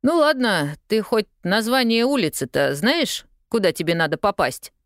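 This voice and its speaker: A woman's voice: mid-range voice, big pitch swings, moderate pace, no room sound, studio quality, voice pushed up. A woman voicing a cocky young street newsboy who talks in a slangy, scoffing, drawling way.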